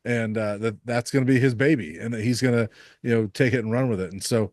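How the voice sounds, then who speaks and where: A relaxed man hosts a casual sports podcast, weighing each point slowly and filling pauses with ums and uhs. His voice sits at an everyday middle pitch. It sounds dry and close, with no room around it. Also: dry recording. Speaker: sports reporter and podcast host.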